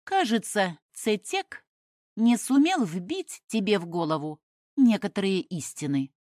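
A woman's voice: medium pitch, very animated, a little slow, a little mellow, no room sound, clean studio sound, pitched above the performer's own voice. A woman reading an audiobook and voicing a cold, stubborn Roman noblewoman who talks in curt, scornful commands.

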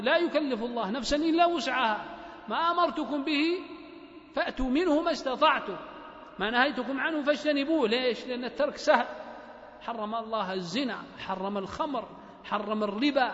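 A man's voice: extremely high pitch, a bit bright. A man with a Libyan Arabic accent giving a religious lecture in a mosque, talking rhetorically, repeating phrases and prodding the listeners with short questions. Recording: echoey hall, slightly dull lo-fi recording.

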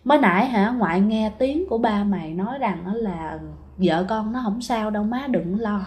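Woman plays older grandmother, shaken, speaking softly. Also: medium pitch, moderate pace, close to an everyday voice. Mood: hushed. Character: old grandmother, shaken and relieved.

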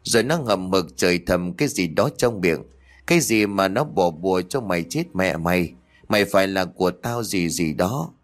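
A man's voice: low voice, animated, moderate pace. A man voicing a grieving middle-aged mother who talks through sobs in a spoken ghost story. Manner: sobbing, lamenting.

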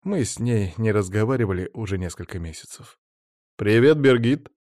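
A man narrating a science fiction audiobook in first person, measured and even. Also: fairly low pitch, no echo, studio quality.

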